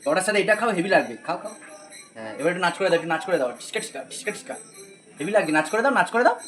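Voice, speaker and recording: Soft music plays under a very fast, very animated, high and slightly bright male voice. He's a young vlogger from West Bengal, chatting casually on a handheld phone and coaxing his little daughter at his village home, partly out in the rain.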